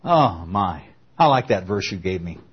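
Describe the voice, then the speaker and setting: An older man preaching a sermon as pastor, emphatic and storytelling, with animated asides. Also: sits low, moderate pace, breathy edge, dull audio.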